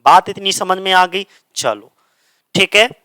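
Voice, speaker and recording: A man's voice: high voice, a little slow, pushed and bright, clean tone, no echo. A male teacher giving a grammar lesson, who keeps asking questions and answering them himself and repeats the key words. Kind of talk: grammar lesson explaining in Hindi.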